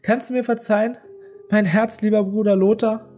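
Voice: medium pitch, fairly even intonation, moderate pace, warm tone, faint music behind, pitched above the performer's own voice, natural voice. A narrator doing a remorseful young man, imploring. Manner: imploring, emotional. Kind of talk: audiobook character reading.

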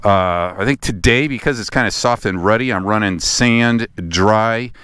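A middle-aged man riding a motocross track outdoors, talking casually about his bike with relaxed, rambling self-corrections. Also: on the low side, normal speed, clean tone, no room sound, clean studio sound. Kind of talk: casual vlog commentary. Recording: loud engine noise outdoors. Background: loud motorcycle engine.

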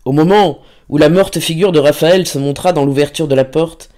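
Reading a classic novel aloud in the style of an audiobook narrator, this man sounds measured and expressive. His voice sits a little high.

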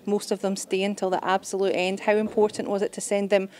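Woman sports interviewer, post-match; fast, brisk, friendly questions. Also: mid-range voice, flat delivery, a little mellow, a little hiss or hum.

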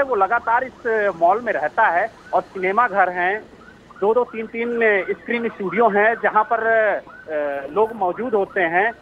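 High-voiced male reporter on a muffled line. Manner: steady explanatory reporting with hesitations. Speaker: field reporter. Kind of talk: live phone report from the scene. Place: outdoors near a mall. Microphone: phone line. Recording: muffled phone audio with faint background noise.

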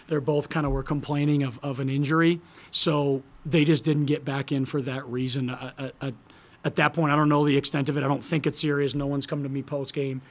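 A man's voice: medium pitch, level tone, a little fast. A man in his thirties, a head basketball coach at a table microphone in a press room, answering post-game questions candidly, thinking aloud with fillers and restarts. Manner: gestures broadly while talking. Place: press room in front of a logo backdrop.

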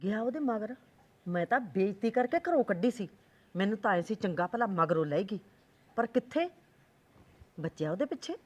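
A woman's voice: lively intonation, moderate pace, long pauses, lightly acted. An actress with a Punjabi accent playing an older mother who complains about her son's girlfriend in an exasperated way. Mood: complaining. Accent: Punjabi (Malwa). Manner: complaining, exasperated, rising pitch. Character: grumbling older mother of a son, fed up with his girlfriend. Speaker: actor in a short film.

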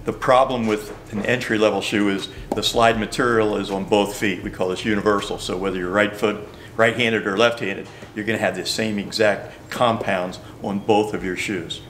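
A man's voice: lowish voice, steady tone, moderate pace, a bit bright, slight background noise. An older man, a shoe company representative, patiently explaining product features in a store. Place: bowling shoe store, indoors.

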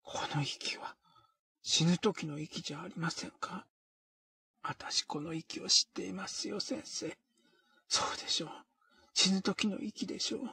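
A man doing a shrill, furious tenement woman. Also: unhurried, gravelly, pushed and bright, slightly rough, dry recording, in a whisper, clean studio sound, full character voice. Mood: panicked. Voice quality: shrill, hot-tempered, coarse-mouthed. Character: frantic middle-aged woman tenement neighbor.

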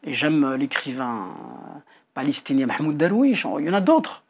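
Speaking at a moderate pace with big swings in pitch, a middle-aged Algerian man talks in a slightly high voice with a breathy edge. A Kabyle speaker, he explains his authorial views on television from an indoor studio, repeating words hesitantly and underlining key points.

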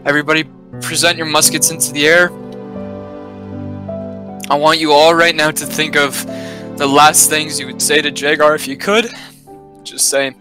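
A man's voice: on the high side, flat delivery, normal speed, long pauses, over music. A man leading a group in a memorial salute, giving firm commands and counting down to a volley. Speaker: in-game unit commander.

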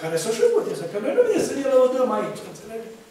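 A man preaching a sermon in a large church, his voice sitting unusually high. He swings between loud, emphatic cries and hushed asides. The sound is echoey and distant, as if picked up from far across the hall. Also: wildly swooping pitch, a little hiss or hum. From Romania. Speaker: pastor. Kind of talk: evangelistic sermon.

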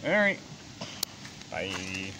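A man's voice: low voice, big pitch swings, extremely slow, background noise. A man chatting casually, off to the side of a phone recording outdoors. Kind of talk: casual chat. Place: outdoors at a wooded campsite, away from the phone.

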